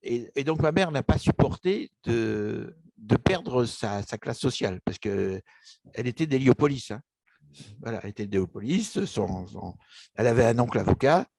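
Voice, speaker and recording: With a mid-range, animated voice that's creaky yet a little mellow, the older Egyptian man talks about his book and his memories in an informal interview. He keeps a moderate pace but is hesitant, full of restarts and fillers, and the recording has no room sound.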